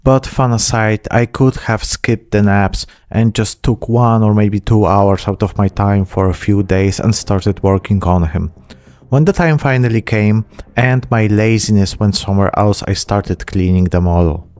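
Recorded in a small room on a close desk microphone with a pop filter, this miniature painting channel host, a man in his thirties, delivers a laid-back narrated hobby tutorial, happy to laugh at himself. His voice sits on the low side, darkish in tone and measured in pace.

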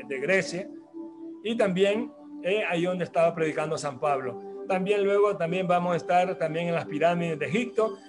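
Church program host, male, high voice, halting and repetitive delivery, soft music bed. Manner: rambling, hesitant, with many restarts and tag questions. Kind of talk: announcements and church talk.

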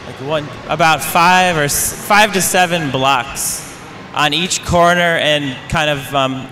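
Brief: man, audience member at a panel, relaxed and halting, bright, crisp tone. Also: a little high, slight background noise. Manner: casual, hesitant with frequent fillers. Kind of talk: public panel discussion.

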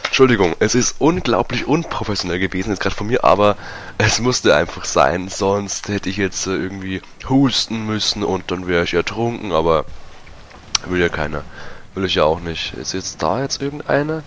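A man giving casual, self-mocking commentary over a multiplayer match, his voice going hoarse. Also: deep voice, moderate pace, fairly bright tone, slight background noise. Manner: chatty, self-mocking, many fillers. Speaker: gaming YouTuber. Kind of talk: casual let's-play commentary.

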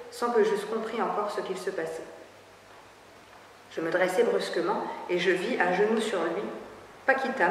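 A woman giving a measured literary reading aloud in a library reading room, recorded from far off with faint hiss. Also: medium pitch. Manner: measured storytelling delivery. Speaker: public reader. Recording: echoey hall, far from the mic, faint hiss.

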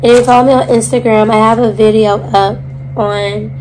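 A woman in her twenties chatting casually to her vlog, her voice hoarse with a smoker's rasp as if half lost. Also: on the high side, level tone, a little fast. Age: 20s. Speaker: vlogger. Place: hotel-like bedroom, indoors. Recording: noticeable background hum and noise.

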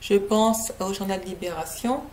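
A woman's voice: medium pitch, measured pace, a little mellow, a little hiss or hum. A woman from French Guiana reviewing a novel to her webcam at home, hesitant and full of filler sounds. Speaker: book reviewer. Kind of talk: casual book review to camera. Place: living room at home, indoors. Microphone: laptop webcam, seated close.

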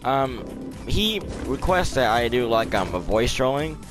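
Hoarse gamer with a sore throat. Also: medium pitch, very animated, over music. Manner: halting, with many fillers and coughs. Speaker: gaming video creator. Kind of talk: casual intro to a gameplay video.

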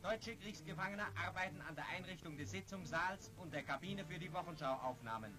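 A man's voice: high-pitched, fairly quick. A man narrating a scripted 1940s newsreel in a formal, declamatory manner, on a vintage soundtrack. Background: loud music.

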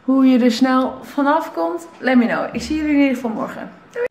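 A woman's voice: sits high, a little fast, a little mellow. A young woman with a Netherlands Dutch accent chatting casually to a handheld camera as a vlogger. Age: young adult. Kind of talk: casual vlog chat to camera. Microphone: handheld camera at arm's length. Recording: clear background noise, handheld camera.

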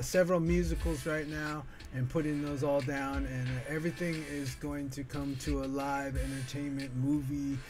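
A middle-aged man from Northern California hosting his art channel, talking casually and earnestly with many fillers while he draws at a home desk. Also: mid-range voice. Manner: rambling, filler-heavy, earnest. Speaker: artist and channel host. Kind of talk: casual monologue while drawing.

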